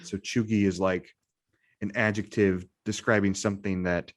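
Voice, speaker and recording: A man co-hosting a casual podcast, joking wryly in a halting, conversational way. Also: lowish voice, little pitch movement, no echo, studio quality. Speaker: podcast co-host.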